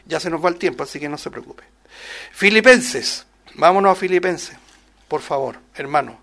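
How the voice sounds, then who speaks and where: Male preacher, high voice, punchy emphatic sermon delivery with rhetorical questions to the congregation. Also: lively intonation, moderate pace, vocal fry. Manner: emphatic, rises loud on scripture quotes, drops soft on asides; addresses listeners as "hermano", many rhetorical questions. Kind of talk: sermon, Bible study.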